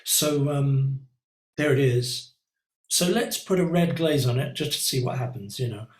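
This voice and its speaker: A man's voice: mid-range voice, a little slow, echoey room, poor audio. A male art teacher leading a live online painting class, talking in a reflective, conversational way with many ums and little asides. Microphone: computer mic on a video call.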